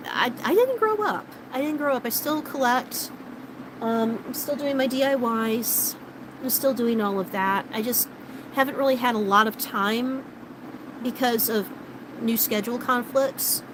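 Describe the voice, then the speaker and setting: Against a noisy background, a woman in her late thirties with a voice on the high side rambles through a casual live chat with her viewers. She's a vlogger, her speech is packed with fillers, and her voice is beginning to tire.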